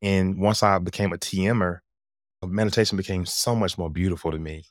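A man with a low, magnetic voice, speaking as a podcast guest and coach in an animated, emphatic conversational storytelling style. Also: a little fast, no room sound, clean studio sound.

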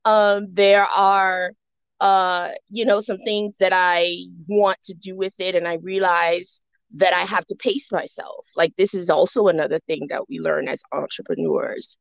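Gravelly low-voiced woman from the Bahamas. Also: fairly even intonation, unhurried, no echo. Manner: reflective, many fillers and restarts. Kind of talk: casual podcast interview.

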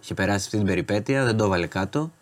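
A man with a fairly low voice co-hosts a relaxed talk show. He speaks with dry irony and calmly pushes back in debate. Between the jabs he runs through event recommendations in a chatty way. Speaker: radio co-host.

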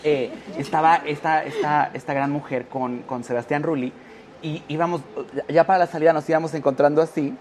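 A man's voice: fairly high pitch, steady tone, brisk, a little mellow, a little hiss or hum. A man with a Mexican accent telling a gossip story as a guest on a live talk show, acting out the quoted voices in it. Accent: Mexican Spanish. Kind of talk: casual chat.

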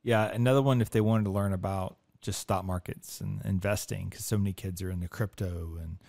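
A middle-aged American man hosts a casual conversation. His voice sits low with a gravelly fry, recorded close and dry. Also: fairly even intonation, a little fast, darkish tone, no room sound. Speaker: podcast host, financial advisor.

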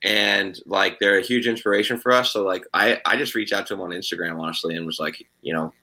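A man who is a guest musician on a podcast, rambling in a relaxed way with many fillers. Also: sits low, fast, poor audio. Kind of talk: casual interview chat.

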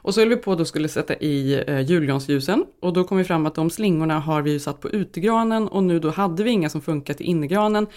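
A woman's voice: low-pitched, few pauses. A woman co-hosting a casual chat, telling stories with energy and acting out what the other people in them said. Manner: animated storyteller who acts out the other people in her stories. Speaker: podcast co-host.

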